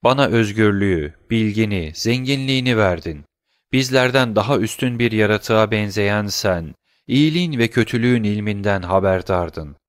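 A man voicing a grave, wealthy male count in a storybook reading, speaking in a solemn, measured way. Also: lowish voice, lively intonation, no echo, clean studio sound, natural voice.

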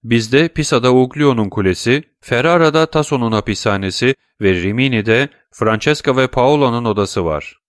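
A man voicing a proud Italian gentleman who speaks boastfully. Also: mid-range voice, normal speed, no room sound, studio quality, voice pushed up, lightly acted.

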